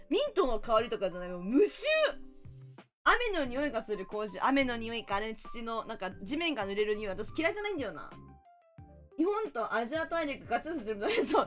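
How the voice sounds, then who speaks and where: A high-voiced woman streamer whose pitch swings widely as she chats through a party game. She teases her viewers and puts on mock outrage. Faint music plays behind her. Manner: playful, teasing, mock-indignant. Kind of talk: casual game-stream chat.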